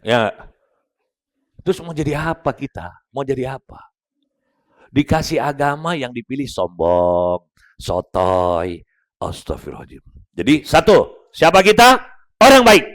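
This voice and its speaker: A man's voice: medium pitch, very animated, unhurried, long pauses. A man giving a humorous religious motivational talk, joking with his audience and coaching them one by one. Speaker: motivational speaker.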